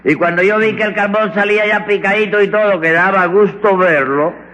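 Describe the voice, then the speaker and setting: Tres Patines, a cheeky Cuban rogue. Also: male voice, high-pitched, brisk, a bit bright. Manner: rambling, mangles words, calls everyone "chico". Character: bumbling, cheeky male defendant full of tall tales. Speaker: defendant in a comic courtroom. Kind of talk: vintage radio comedy acting. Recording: dull old radio recording with reverb.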